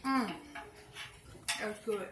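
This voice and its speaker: A woman's voice: medium pitch, extremely slow, far from the mic. A woman hosting a casual mukbang at home, talking with her mouth full while eating and murmuring her approval of the food. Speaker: mukbang host. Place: home, indoors. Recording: roomy, noisy home recording.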